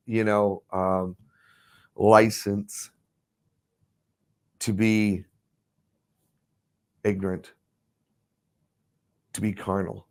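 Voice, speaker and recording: A man teaching about ministry in casual chat, rambling with restarts and frequent chuckles. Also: on the low side.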